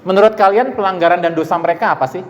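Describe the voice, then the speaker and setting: High-voiced preacher in a reverberant hall. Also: male voice, very fast. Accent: Indonesian. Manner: animated preaching, shouts out quoted lines, playful asides. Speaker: pastor. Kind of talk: sermon to students. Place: church hall. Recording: long church hall reverb.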